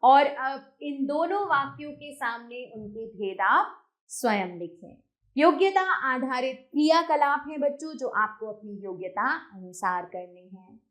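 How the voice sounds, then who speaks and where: A woman teacher works through a grammar lesson for children. Her voice sits high and she talks slowly and carefully, reading examples aloud one by one and turning to her pupils with direct instructions. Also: lively intonation, a bit bright. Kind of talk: textbook lesson explanation.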